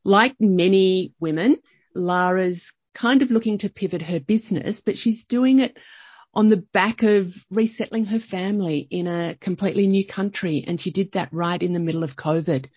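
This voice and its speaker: A woman's voice: fairly low pitch, moderate pace, a little mellow, husky, dry recording, muffled recording. A woman, hosting a podcast in an enthusiastic, bubbly chat. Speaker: podcast host. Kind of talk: casual interview chat.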